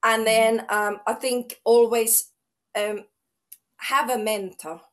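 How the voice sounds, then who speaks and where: A fairly high-pitched woman speaks slowly in a level tone. Middle-aged and from Finland, she's a fitness trainer and native Finnish speaker who chats sociably as an interview guest, frequently restarting what she says.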